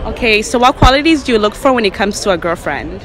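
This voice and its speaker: A woman's voice: medium pitch, expressive, quick pace, poor audio. A young woman interviewing students on a college campus, asking short questions into a handheld phone and laughing often. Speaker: street interviewer. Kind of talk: casual street interview. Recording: outdoor street noise.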